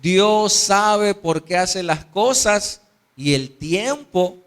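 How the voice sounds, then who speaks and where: A man voicing a patient, wise old father who speaks slowly and soothingly in a sermon story. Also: high-pitched, expressive, pitched above the performer's own voice, heavily acted. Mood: calm. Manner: slow, measured, soothing.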